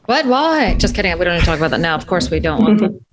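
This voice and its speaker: Bright-voiced woman teasing the players. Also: on the low side, very animated, fast talker, noisy background. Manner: laughing, teasing, reads cards aloud. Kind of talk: casual game talk.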